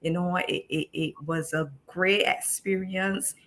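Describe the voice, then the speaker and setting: A woman's voice: fairly low pitch, steady tone, slow pace, fairly bright tone. Chatty woman teacher from Barbados. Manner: chatty, with many restarts. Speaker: guest teacher. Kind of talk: live-stream interview.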